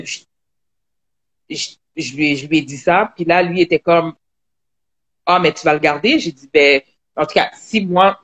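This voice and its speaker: A woman with a Quebec French accent, a guest telling her own story in an online live interview, halting with many restarts. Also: low-pitched.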